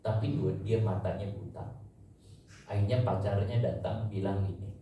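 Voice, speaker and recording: Male pastor, sermon, emphatic, mellow voice, very echoey church hall, faint background ambience. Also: lowish voice, steady tone, normal speed, distant mic, slight background noise. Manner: emphatic, keeps addressing the congregation as "saudara".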